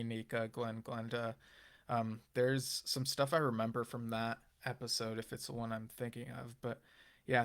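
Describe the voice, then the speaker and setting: A man hosting his own channel, giving a casual spoken review of a TV episode and thinking aloud with many pauses, fillers and restarts. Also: mid-range voice, a bit bright, clear, resonant tone.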